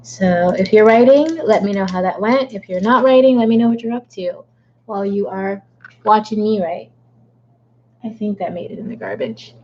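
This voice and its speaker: A woman's voice: mid-range voice, normal speed, a little mellow, muffled recording, a little hiss or hum. A woman author chatting casually and playfully at her desk during a live writing stream, rambling a little and slipping into a put-on accent she jokes about. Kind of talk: casual livestream chat. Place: home desk.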